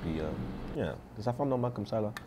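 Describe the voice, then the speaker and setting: Low voiced singer guy, chill, flips between french and english mid sentence. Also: brisk, a crowd in the background. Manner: switches often between French and English, relaxed. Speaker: singer guest. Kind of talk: casual interview chat.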